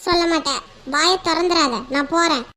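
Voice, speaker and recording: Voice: very high voice, brisk, bright, forceful tone. A performer voicing a young woman office worker in a cartoon, whiny and sobbing, who keeps saying she is fine. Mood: evasive. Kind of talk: Tamil slang chat, cartoon voice acting.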